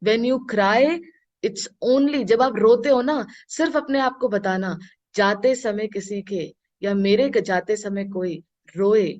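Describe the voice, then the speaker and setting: A woman teacher gives a spiritual talk at an unhurried, deliberate pace, repeating key phrases and putting questions to her listeners. Her mid-pitched voice comes through a dull, lo-fi recording. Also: darkish tone. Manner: mixes Hindi and English, asks the audience questions.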